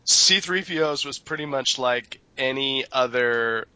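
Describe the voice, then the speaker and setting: Male podcast panelist, jokey and wordy, bright edge, close dry slightly muffled recording. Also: medium pitch, unhurried, no echo. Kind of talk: casual hobby podcast chat.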